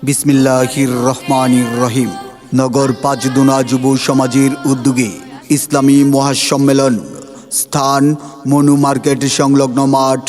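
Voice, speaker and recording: A man making a formal event announcement over a loudspeaker, reciting names and titles in a flat, formal way. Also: mid-range voice. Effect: loudspeaker announcement, like a megaphone. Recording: long reverb, faint music behind.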